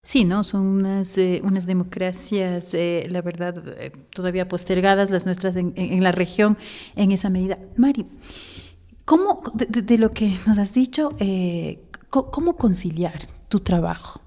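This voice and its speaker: A woman hosting a podcast interview, asking questions in a measured, attentive way. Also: lowish voice, dark tone.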